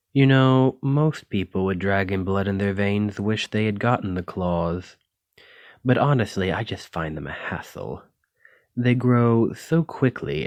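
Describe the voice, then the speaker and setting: With his voice sitting low and no echo around it, a man portrays a coy, teasing dragon-blooded librarian who is flirty and possessive, lingering over his words in an intimate ASMR roleplay.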